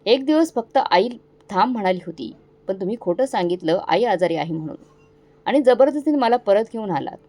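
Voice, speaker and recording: A woman voicing a meek, hurt young wife in a storybook tale, speaking quietly and trembling. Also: medium pitch, animated, a little fast, lightly acted. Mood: pleading.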